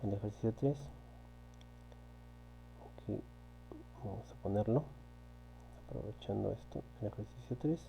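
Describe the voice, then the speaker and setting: A male physics teacher, his voice very dark and mellow. He explains step by step, repeats key points and keeps asking his students if they follow. A faint electrical hum runs under the recording. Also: lowish voice, unhurried, vocal fry, long pauses, poor audio. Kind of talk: recorded online class walking through exercises.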